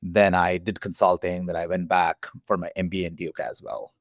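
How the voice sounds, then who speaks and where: A man, a guest in an interview, talking haltingly with many fillers and restarts. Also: low voice, flat delivery, no echo, studio quality. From India. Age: 40s. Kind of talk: interview conversation.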